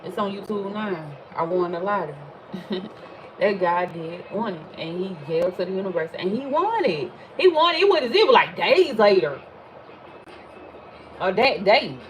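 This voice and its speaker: A woman, chatting casually while reading tarot cards, animated and swearing freely. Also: medium pitch, normal speed, low-quality recording. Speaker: tarot reader. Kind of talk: casual livestream chat.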